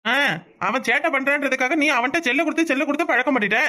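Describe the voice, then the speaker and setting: A woman's voice: high-pitched, racing, bright, forceful tone. A woman voicing a fussing old grandfather. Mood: chiding. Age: older. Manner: fussing, peacemaking, rural Tamil speech. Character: kindly scolding old grandfather. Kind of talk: cartoon voice acting.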